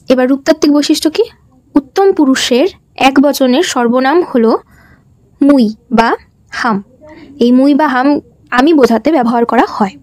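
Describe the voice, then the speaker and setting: This high-voiced young woman, a student teacher from West Bengal, India, works through a classroom presentation lesson by asking short questions and answering them in a steady rhythm. The recording is close and dry, without any room sound.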